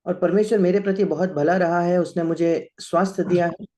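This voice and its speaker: High, mellow male interpreter. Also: steady tone, fairly quick. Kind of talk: sermon interpretation.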